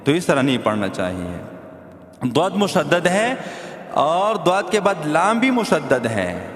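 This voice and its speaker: A man teaching Quran recitation who explains letter sounds and chants the verses slowly. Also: a little high, sing-song. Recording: echoey hall with faint music.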